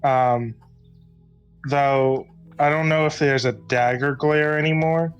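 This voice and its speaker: A woman with a low voice chats casually as a tabletop game player. Faint music plays behind her. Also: fairly even intonation, slow pace, clean tone, muffled recording. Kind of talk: casual chat.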